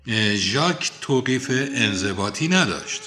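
A man's voice: lowish voice, big pitch swings, sharp tone, soft background music. A man reading a small, firm priest.

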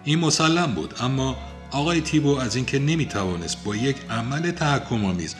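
A man hosting a book program and reading a novel aloud in an even, deliberate way. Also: mid-range voice, soft background music. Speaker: host and reader.

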